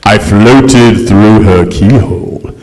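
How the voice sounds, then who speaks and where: A man's voice: fairly low pitch, slow pace, darkish tone. A man playing a pompous, easily flustered aristocratic ghost in an old time radio stage drama, speaking in grandiose, archaic phrases. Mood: wounded, solemn. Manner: grandiose, archaic, melodramatic delivery. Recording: echoey hall, live stage performance.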